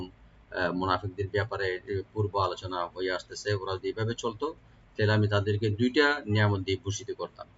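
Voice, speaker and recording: A man teaching the rules of Quran recitation, explaining each sound slowly and then chanting the verse in a long, melodic style. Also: on the low side, fairly bright tone, dull audio, slight background noise. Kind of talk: tajweed lesson with recitation.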